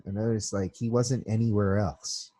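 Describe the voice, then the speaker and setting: A man's voice: on the low side, steady tone, moderate pace, warm tone, dry recording. A man hosting a casual podcast chat about movie trailers, laid-back and full of fillers. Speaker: podcast host.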